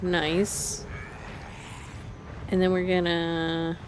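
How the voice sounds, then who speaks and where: Woman gamer, lowish voice, unhurried live-stream play-by-play, frequent laughs. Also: monotone, noisy background. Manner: chatty, laughs often, thinks aloud. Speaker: streamer playing a video game. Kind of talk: casual live gameplay commentary.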